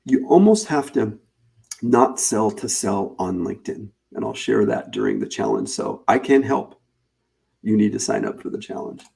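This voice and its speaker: A man hosting a live webinar, pitching a paid challenge in a casual, chatty way, repeating and restarting phrases as he goes. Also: very animated, normal speed, vocal fry, a little mellow. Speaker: webinar host.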